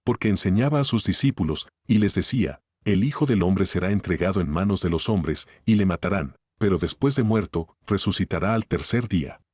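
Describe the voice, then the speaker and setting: A man reading the Bible aloud in a steady, measured way, phrase by phrase. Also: sits low, husky, no room sound, studio quality. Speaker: Bible reader.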